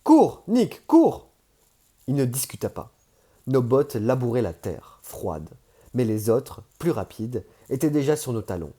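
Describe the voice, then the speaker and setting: A man narrating a first-person novel as an audiobook, measured and steady. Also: mid-range voice, husky.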